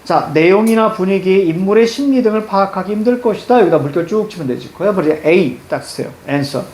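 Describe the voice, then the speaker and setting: Lively teacher who keeps saying "자". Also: male voice, high voice, brisk, roomy sound. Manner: lively, repeats "자" constantly, prompts students with questions. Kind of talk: exam reading lesson.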